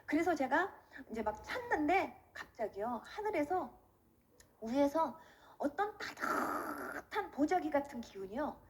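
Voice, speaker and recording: Woman, high and very animated voice, vivid storyteller of her faith testimony, earnest. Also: measured pace. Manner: vivid storyteller who acts out the quoted voices; emotional and earnest. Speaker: testimony speaker.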